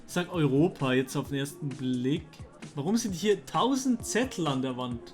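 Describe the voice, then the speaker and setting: Excitable young man. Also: fairly high pitch, moderate pace. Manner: excitable, talks to chat, slangy. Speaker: streamer. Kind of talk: casual gameplay commentary. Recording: faint music underneath.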